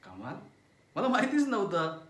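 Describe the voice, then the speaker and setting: A man's voice: high-pitched, wildly swooping pitch, moderate pace, a bit bright, exaggerated voice. A man acting a controlling husband who coaxes in a falsely tender voice and turns to threats, in a dramatic audition monologue. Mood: falsely sweet. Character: controlling, menacing husband with a sweet-talking cruelty. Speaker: auditioning actor. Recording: roomy echo.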